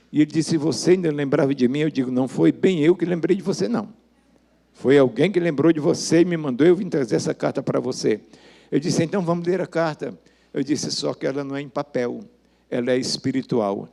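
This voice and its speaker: Older brazilian pastor guy telling a story in a sermon, dark mellow voice, does all the voices. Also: mid-range voice, gravelly. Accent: Brazilian Portuguese. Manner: storytelling, acting out the dialogue of each person in the story. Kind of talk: sermon testimony.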